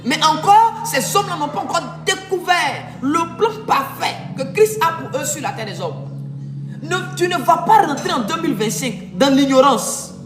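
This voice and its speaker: A woman's voice: high-pitched, lively intonation, normal speed. A woman preaching a sermon, emphatic, sometimes drawing phrases out in a sung way. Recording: echoey room with music behind.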